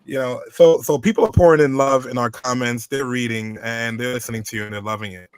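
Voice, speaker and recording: A man hosting an interview show and speaking in a relaxed way that stumbles a little. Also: medium pitch, quick pace, smooth. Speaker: radio show host.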